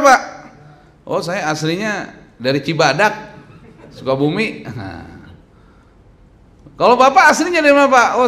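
A bright, forceful-sounding man in his thirties preaches from a lectern into a stand mic, his voice sitting a little high for a man. He keeps quizzing the crowd and slipping in jokes as he goes. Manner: animated, quizzing the crowd, joking. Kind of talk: lively sermon with audience questions. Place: mosque hall lecture at a lectern.

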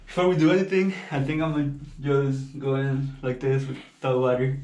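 A man's voice: mid-range voice, flat delivery, moderate pace. A young man chatting casually and reluctantly to camera in a vlog, swearing and exclaiming in slang. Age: young adult. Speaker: vlogger doing a challenge. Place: small tiled home bathroom. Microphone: camera set a few feet away. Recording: echoey bathroom, distant mic, noisy.

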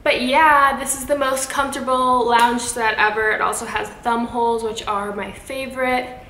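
Her pitch is fairly high and her tone steady, with a pushed, bright quality at normal speed, plus a slight hiss or hum. This woman in her 20s hosts a cooking series from her home kitchen, chatting informally while she cooks and cooing at her pets. The space echoes, and music runs in the background.

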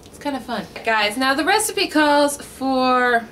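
A woman's voice: high-pitched, animated, unhurried, a bit bright, slight background noise. A young woman hosting a casual cooking vlog from her home kitchen, chatty and full of puns, talking straight to the camera. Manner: jokey, punny, chatty.

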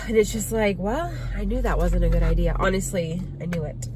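A woman's voice: on the low side, moderate pace, rough recording. A woman, chatting casually to her viewers while she drives, with lots of ums and likes. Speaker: vlogger. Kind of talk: casual car chat. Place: inside a car. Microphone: phone camera on dashboard. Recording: phone recording in a moving car with road noise. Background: car and road noise.

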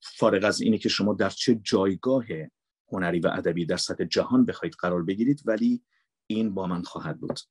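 A man's voice: sits low, a little mellow, husky, dry recording. A man with a Mashhadi Persian accent, a voice actor, answering interview questions earnestly and emphatically. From Mashhad, Iran. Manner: earnest, emphatic, repeats for stress. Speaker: voice actor and dubber.

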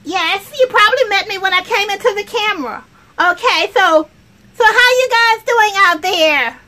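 A woman's voice: extremely high pitch, bright, forceful tone, voice pushed up, full character voice. A woman playing a chatty, brash 82-year-old woman in a comic monologue, rambling and talking straight to viewers. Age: older. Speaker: comedic character sketch. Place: outdoors.

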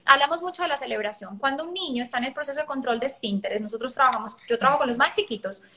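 Woman, high bright voice, lively parenting educator on a live call. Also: racing, slight background noise. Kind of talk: live-stream conversation.

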